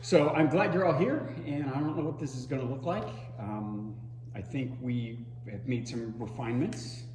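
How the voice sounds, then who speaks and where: A man's voice: mid-range voice, animated, moderate pace. Casual upbeat man in an echoey hall. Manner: casual, upbeat, acts out little quotes. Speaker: group leader. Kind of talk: informal welcome talk. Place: indoor room at a group gathering. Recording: echoey hall, long reverb, loud noise.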